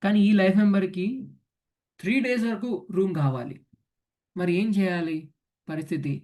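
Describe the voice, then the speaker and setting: A man teaching a devotional class, telling a story in a lively way and mixing English words into his talk. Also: high voice, normal speed.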